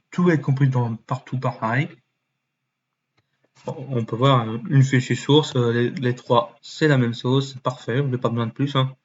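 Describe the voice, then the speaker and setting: A man thinking aloud as he clicks through a website, muttering and swearing under his breath, with many fillers and sudden jumps into a mock high voice. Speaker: YouTuber. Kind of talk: casual screen-recording commentary. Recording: dull lo-fi mic with faint noise.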